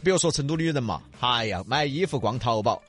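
A man with a Sichuan accent telling animated comic stories in a dialect double act, often mimicking others. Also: mid-range voice, fast talker, faint music behind. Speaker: comic performer.

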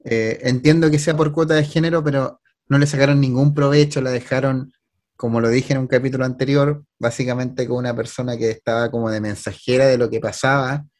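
A man's voice: mid-range voice, steady tone, fairly quick, darkish tone. A man with a Chilean accent, hosting a podcast in casual chat, going over things at length with filler words and restarts.

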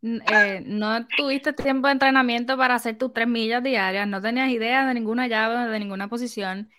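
Higher-voiced woman podcast host. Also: fairly even intonation, fairly quick, fairly bright tone, clear, resonant tone. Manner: engaged, sums up and prompts the guest. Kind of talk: casual interview chat.

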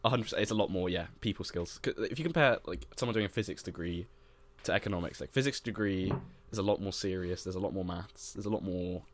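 A man's voice: deep voice, quick pace, few pauses, noisy background. A young man, a university student, co-hosting a podcast in a casual, rambling chat full of fillers and restarts. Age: young adult. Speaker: podcast co-host.

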